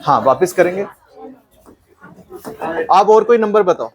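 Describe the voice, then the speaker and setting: High-voiced man teaching maths. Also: expressive, unhurried. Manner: playful, quizzing the class, mixing Hindi and English. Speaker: maths session facilitator. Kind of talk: lively classroom teaching. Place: classroom with students.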